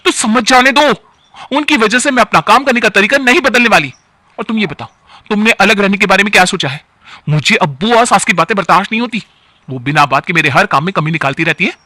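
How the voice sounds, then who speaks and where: A headstrong young wife grumbles and complains, as a man puts her on. The voice is raised and bright. It sounds dry and close. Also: high voice, very animated, fairly quick, dry recording, pitched above the performer's own voice, exaggerated voice. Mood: defiant. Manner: sulky, complaining.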